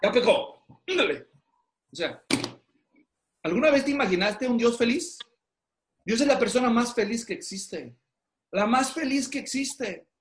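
A man teaches pastors over a video call, his voice high for a man. He keeps firing questions at his students to pull answers out of them. The room around him sounds roomy and echoey. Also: expressive, unhurried, pauses often, a little hiss or hum. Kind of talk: interactive online class. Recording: roomy echo.

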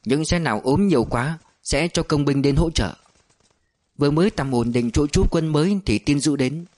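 A man narrating an audiobook in a steady, measured storytelling voice. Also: fairly high pitch.

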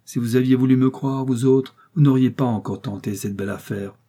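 Man doing a worried, devout farm wife, soft and pleading, a bit husky. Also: mid-range voice, fairly even intonation, a little fast, close to an everyday voice. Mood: anxious. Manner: soft, imploring. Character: pious, gentle peasant wife, anxious and pleading.

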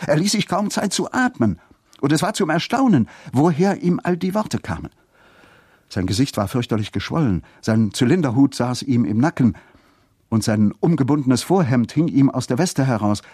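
A man reading a literary story aloud in a steady, measured narrating voice. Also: medium pitch, husky, dry recording, studio quality. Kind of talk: scripted narration.

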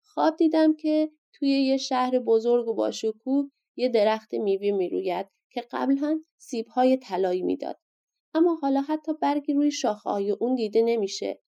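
A fussy old grandmother who scolds and coaxes in a raised, mellow voice, as a woman narrator puts her on. Her tone is pitched well above the narration. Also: vocal fry, dull audio. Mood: coaxing.

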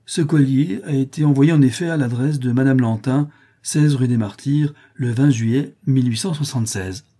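A man's voice: mid-range voice, normal speed, warm tone, pitched above the performer's own voice, close to an everyday voice. A man voicing a suspicious male goldsmith who speaks in an emphatic, formal way. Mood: wary.

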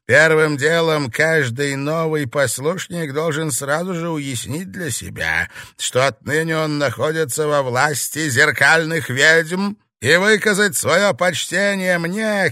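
A man's voice: a little high, bright, forceful tone, no room sound, studio quality, voice pushed up, full character voice. Man doing a cruel old spider-witch woman, harsh and barking, sneering, storybook villain. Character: cruel old four-armed spider witch, domineering female mentor.

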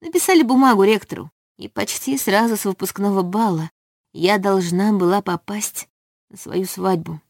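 A woman's voice: medium pitch, normal speed, a little mellow, no room sound, studio quality, lightly acted. A woman reading a desperate young heroine. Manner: pleading, emotional. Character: frightened young woman fleeing a forced marriage. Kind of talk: audiobook reading.

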